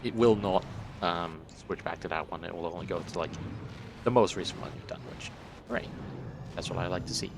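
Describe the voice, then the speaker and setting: Gravelly, sweary gameplay commentator. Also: male voice, low voice, fairly quick, noisy background. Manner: sweary, jokey, chatting to viewers while playing. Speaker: let's play host. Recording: voice over loud game sounds.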